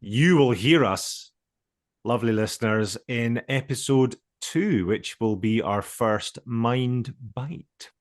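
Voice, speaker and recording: A man's voice: medium pitch, animated, takes it slowly. A man co-hosting a podcast in casual banter, blunt, joking and swearing freely. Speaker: podcast co-host.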